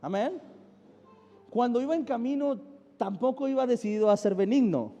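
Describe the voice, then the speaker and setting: High-voiced Mexican pastor preaching in a hall. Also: male voice, expressive, normal speed, lo-fi sound. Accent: Mexican Spanish. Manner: emphatic, shifts between loud stress and soft drops, calls for amens. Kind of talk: sermon. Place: large church hall. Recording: echoey church hall with music behind.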